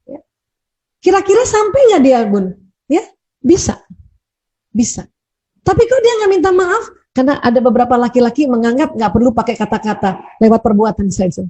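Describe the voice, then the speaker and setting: A woman speaker answering audience questions in a gentle, conversational advice talk, often repeating words and adding little tag words. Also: a little high, lively intonation, brisk.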